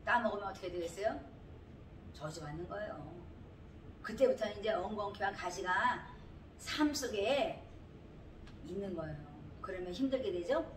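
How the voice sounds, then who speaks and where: A woman's voice: medium pitch, normal speed, pauses often, recorded from a distance, a little hiss or hum. A middle-aged woman pastor and missionary preaching an informal sermon, telling personal stories with emphatic exclamations. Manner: emphatic, animated storytelling with exclamations. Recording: echoey room, voice off-mic.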